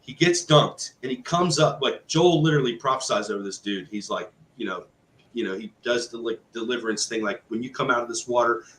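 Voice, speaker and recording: Animated man telling a story in a roomy space. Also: mid-range voice, a little fast. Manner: animated, conversational, full of fillers and quoted speech. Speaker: guest telling a testimony. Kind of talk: casual storytelling. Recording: roomy echo with faint background noise.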